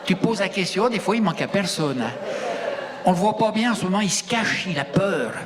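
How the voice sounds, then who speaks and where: A man's voice: sits high, animated, a little fast, crowd noise. A man with a rural French accent doing live stand-up comedy, teasing the audience with rustic banter. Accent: regional rural French. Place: live show hall. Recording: long reverb of a live hall.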